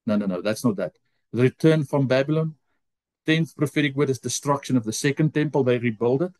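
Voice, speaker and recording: Over a video call, a man whose first language is Afrikaans, and whose accent shows it, delivers a Bible college lesson. Reading scripture aloud at a slow pace, he often stops to fix his words. He has a mid-range, slightly mellow voice, and there's no echo.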